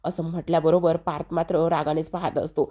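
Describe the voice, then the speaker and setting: A woman's voice: low-pitched, flat delivery, fairly quick, mellow. A woman casually retelling a TV serial episode, chatting directly to her viewers. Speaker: TV serial recap narrator.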